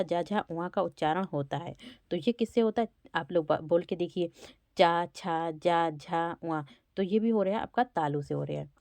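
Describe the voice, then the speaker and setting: A woman's voice: on the low side, warm tone, no room sound. Woman teacher sounding out letters. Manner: walks through quiz questions, sounding out letters. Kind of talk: exam-prep lesson.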